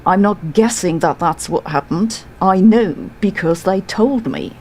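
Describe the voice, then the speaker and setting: A middle-aged physicist with a German accent reads a scripted first-person account of her own story, dry, sardonic, and matter-of-fact. Her voice is on the low side, expressive, unhurried, and a little mellow.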